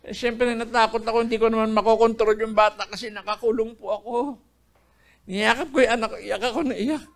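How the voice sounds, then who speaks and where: Speaking briskly in a high, level, fairly bright voice, an older man from the Philippines shares the story of his faith. He tells it earnestly and calls his listeners brethren.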